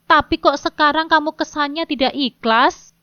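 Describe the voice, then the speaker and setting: A woman's voice: high voice, normal speed, sharp tone, no echo, pitched above the performer's own voice. A woman voicing a defensive husband in a wheelchair, questioning his wife in a storybook drama. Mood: reproachful. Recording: dull lo-fi dry sound.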